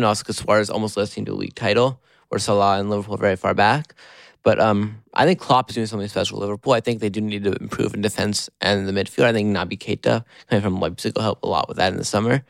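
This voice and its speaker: A young man co-hosting a podcast, talking quickly and knowledgeably about football in a casual chat. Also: lowish voice, steady tone, creaky, no room sound, clean studio sound. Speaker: podcast co-host.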